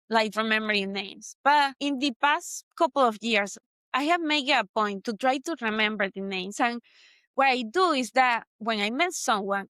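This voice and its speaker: Her voice is a little high and a bit bright, with no room sound, as this woman from Venezuela hosts a solo motivational podcast in a Venezuelan Spanish accent. She reflects earnestly and goes back over points to emphasise them.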